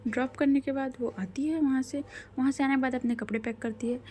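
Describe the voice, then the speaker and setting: Casual woman storyteller, chatty, soft faint hiss. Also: high voice, fairly even intonation, brisk. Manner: chatty, self-correcting, mixes English words.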